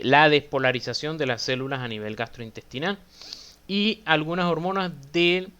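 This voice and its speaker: A man's voice: medium pitch, pushed and bright, clean tone. A man giving a conversational medical lecture, often asking his students questions. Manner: conversational, asks students questions, frequent fillers. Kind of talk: university lecture.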